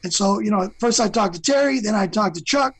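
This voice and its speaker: Male guest, husky and dry, rambling storyteller. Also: high voice, expressive, fast talker, no echo, poor audio. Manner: rambling storyteller, many fillers. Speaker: guest singer. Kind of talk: casual interview chat.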